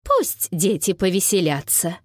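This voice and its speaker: A woman's voice: on the low side, wildly swooping pitch, unhurried, no echo, studio quality, voice pushed down, full character voice. A woman voicing a kind old grandmother. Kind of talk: audiobook narration.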